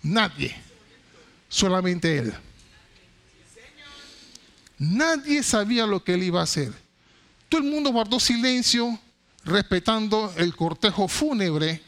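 A man preaching a sermon, emphatic, swinging between loud declarations and hushed low phrases, with repetitive stammering restarts. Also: gravelly.

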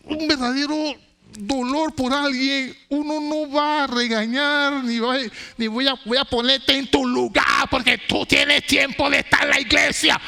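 A man preaching a sermon, emphatic, swinging between loud declarations and hushed low phrases, with repetitive stammering restarts. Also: vocal fry.

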